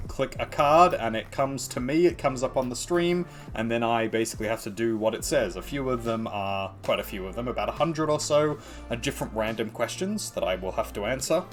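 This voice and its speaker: An Australian man chatting casually to his live-stream viewers as an art streamer, rambling with lots of ums and restarts. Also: mid-range voice.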